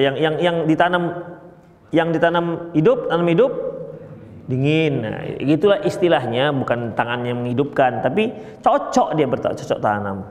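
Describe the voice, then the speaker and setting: A man preaching a sermon to a group of brothers, lively and joking as he explains a verse. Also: high-pitched. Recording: echoey hall.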